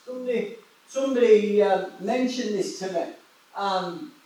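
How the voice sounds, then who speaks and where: In an echoing hall, a distant male preacher with a Yorkshire accent gives a sermon at normal speed, his voice sitting high with a dark tone. He is an evangelist from West Yorkshire, England, who tells stories casually, frequently starting over and repeating himself.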